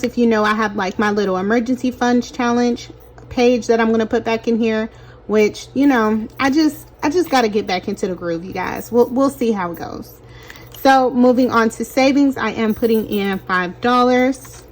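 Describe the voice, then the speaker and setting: A woman's voice: on the high side, moderate pace. Breathless chatty young woman vlogger. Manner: chatty, addresses viewers as "you guys". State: short of breath from pregnancy. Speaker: budgeting vlogger. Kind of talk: casual cash-stuffing chat.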